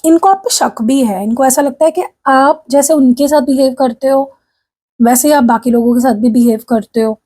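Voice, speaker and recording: A woman's voice: high voice, moderate pace, mellow. A woman giving a casual tarot reading to her viewers, chatting in a friendly way, slipping in English phrases and complaining of a sore throat. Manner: chatty, addresses viewers as "guys", frequent "theek hai?"; mixes English phrases into Hindi speech. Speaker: tarot reader.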